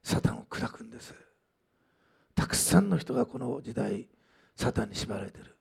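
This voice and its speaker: A man's voice: lowish voice, very animated, moderate pace, vocal fry, a little mellow, husky. A man preaching a sermon in a conversational way, with frequent asides and fillers as he tells a testimony. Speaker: pastor.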